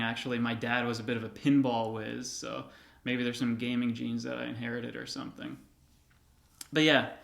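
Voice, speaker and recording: A man in his thirties, a vlogger casually telling personal stories to the camera in a relaxed, reminiscing way with light filler words. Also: mid-range voice, creaky. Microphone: camera held by another person. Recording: roomy echoey room sound.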